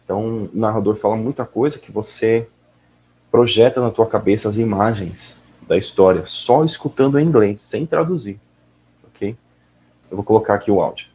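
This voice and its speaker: A man with a fairly low voice gives a casual lesson on listening practice. He talks in a relaxed way and keeps checking in with his listeners. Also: moderate pace. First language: Portuguese. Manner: relaxed, often asks "ok?" and "né?". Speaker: English teacher.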